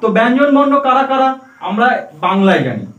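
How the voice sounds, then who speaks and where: A man's voice: very high voice, very animated, fast, fairly bright tone, recorded from a distance, lo-fi sound. A man teaching a class, quizzing pupils one by one and spelling out letters for them. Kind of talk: classroom lesson. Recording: roomy classroom, voice from afar.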